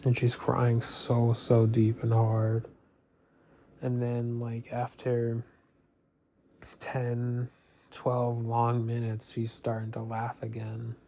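A man's voice: mid-range voice, monotone, slow, gravelly, dark tone, a little hiss or hum. A young man talking hesitantly in a personal confessional monologue, full of fillers and restarts.

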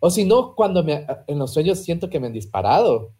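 Mellow-voiced young man. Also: a little high, very animated, brisk. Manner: swears freely, recounts dreams. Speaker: podcast co-host. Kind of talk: casual chat.

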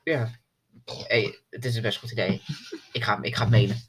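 A man's voice: lowish voice, steady tone, normal speed, husky. Slangy young man. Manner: loose, slangy, repeats himself. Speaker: podcast co-host. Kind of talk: casual chat.

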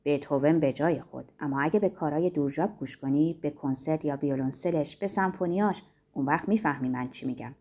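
A man's voice: on the high side, few pauses, dark tone, voice pushed down. A woman voicing a proud, homesick young man who speaks earnestly and insistently in a story. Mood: earnest, indignant.

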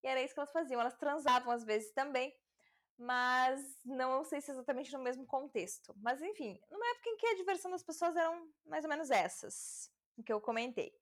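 This podcast host has a high, expressive voice and a brisk pace. Recording on a home mic late at night, she reads fairy tales and riffs on them irreverently, cursing freely and cracking herself up.

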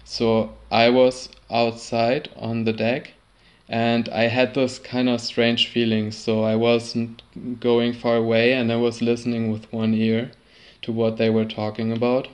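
A man telling a personal sailing story in a halting way, often repeating and restarting words. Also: medium pitch, monotone. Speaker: sailor recounting a trip.

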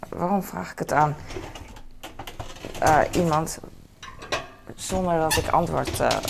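A woman with a deep, creaky voice speaks slowly to camera in her home kitchen, chatting casually and rambling with lots of fillers and little asides to herself. She's a vlogger, an adult with a son, and dishes and cutlery clatter amid the background noise.

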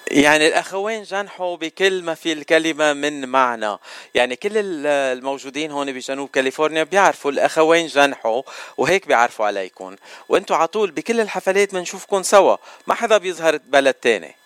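A man's voice: fairly high pitch, lively intonation, quick pace, fairly bright tone, clean tone, no echo. An effusive man with a Lebanese Arabic accent, interviewing a guest casually as a radio host. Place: radio show.

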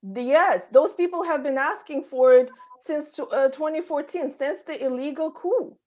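A woman's voice: high-pitched, moderate pace, mellow. A woman from Belarus debating politics in a heated, insistent way, repeating phrases for emphasis. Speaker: panelist.

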